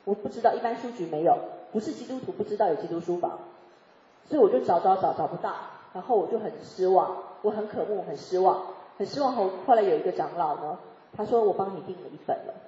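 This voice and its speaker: Fast-talking woman giving testimony in an echoey hall. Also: medium pitch. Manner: lively storytelling, often laughing. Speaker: church member giving testimony. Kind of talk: personal faith testimony. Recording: echoey hall, dull sound.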